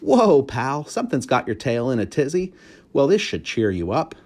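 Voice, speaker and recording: A man voicing a loud, jolly, chummy janitor in a children's storybook, with an exuberant, folksy manner. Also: medium pitch, very animated, normal speed, voice pushed up. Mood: cheery.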